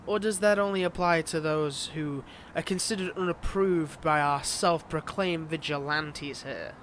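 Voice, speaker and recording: An actor plays a flirtatious, taunting male villain in a romantic audio drama, a bitter, scorned ex-lover addressing the listener with mocking, seductive, teasingly drawn-out lines. His voice is on the high side and fairly bright, his mood bitter and scornful, against a clearly noisy outdoor backdrop.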